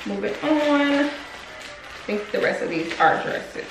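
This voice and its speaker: Over music, a young woman vlogger speaks in a high-pitched, animated voice at a measured pace, chatting casually as she shows a clothing haul to viewers she calls y'all. She's filmed by a camera on a desk before her in a room under renovation, with roomy echo and clear background noise.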